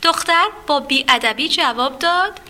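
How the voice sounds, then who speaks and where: Brief: woman storyteller for kids, expressive, high and bright voice. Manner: expressive, addresses children directly. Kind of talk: children's storybook reading.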